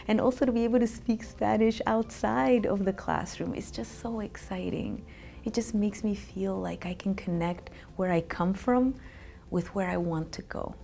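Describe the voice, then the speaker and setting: A woman's voice: mid-range voice, creaky. A young woman from Peru, a medical student, speaking earnestly in a studio interview. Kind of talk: interview testimonial. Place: studio with gray backdrop. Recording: soft background music.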